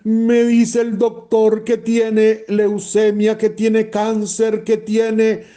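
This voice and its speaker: Man playing a frantic mother, high pitched, loud, slow and wailing, sermon. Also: completely flat delivery. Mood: distraught. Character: frantic distraught mother, crying out.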